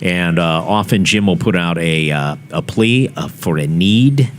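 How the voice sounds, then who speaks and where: A man hosting a talk show interview, speaking in a relaxed way with many hesitant fillers. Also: sits low, a little slow. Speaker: radio show host. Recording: faint background noise.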